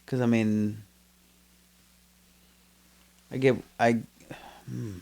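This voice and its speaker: A man's voice: medium pitch, flat delivery, extremely slow, vocal fry, darkish tone. A man co-hosting a casual podcast, speaking hesitantly and often trailing off mid-thought. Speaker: podcast co-host. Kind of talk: casual chat.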